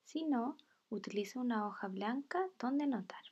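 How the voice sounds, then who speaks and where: A woman teaching a children's video lesson, reading words slowly and carefully. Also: a little high, lively intonation, a little mellow, breathy edge, dull audio.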